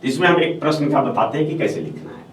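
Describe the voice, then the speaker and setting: Teacher lecturing in an echoey room. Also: male voice, a little high, expressive, fast talker. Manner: explains step by step, repeats phrases, often says "ठीक है". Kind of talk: classroom lecture on answer writing. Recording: echoey room, voice from far off, faint hiss.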